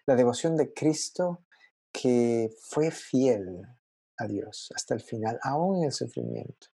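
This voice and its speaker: Male preacher, young adult, husky and gravelly, expressive conversational sermon, dry recording. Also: mid-range voice, slow pace, no room sound.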